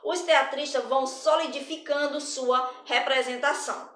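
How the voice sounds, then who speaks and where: High-voiced woman teaching, roomy echo. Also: fairly even intonation, moderate pace, a bit bright. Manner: chatty and explanatory, frequent hesitations and restarts. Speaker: arts teacher. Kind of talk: explaining a recorded lesson.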